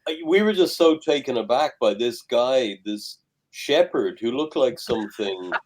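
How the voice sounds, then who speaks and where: A man, a filmmaker guest on a video call, telling lively anecdotes from a film shoot and quoting people. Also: medium pitch, a little slow, poor audio. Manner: animated, laughing storyteller who swears and quotes people.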